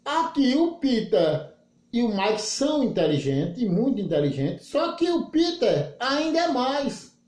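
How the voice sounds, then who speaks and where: Teacher with a lively, patient explaining voice. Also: male voice, very high voice, measured pace, echoey room. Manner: explains patiently with folksy examples and frequent "né?" and "tá?". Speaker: English teacher. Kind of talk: recorded classroom lesson.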